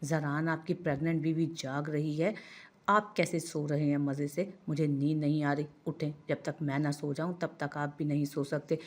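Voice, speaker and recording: Woman narrator doing a pushy pregnant young wife, low voice, audio novel. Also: level tone, moderate pace. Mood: demanding. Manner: insistent, whiny.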